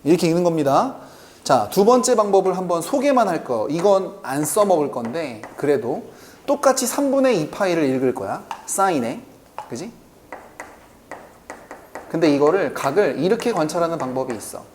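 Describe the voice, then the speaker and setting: A man teaching a math lesson, who keeps asking the class quick questions and then answers them himself. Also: fairly high pitch, very animated, a little mellow, a little hiss or hum. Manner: keeps checking in with quick rhetorical questions to students; answers his own questions aloud.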